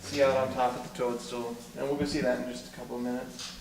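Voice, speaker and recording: A man's voice: mid-range voice, little pitch movement, quick pace. A man working as a tour guide, explaining features informally inside a cave, his voice carrying a cave echo. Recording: echoing cave, distant mic, clear noise.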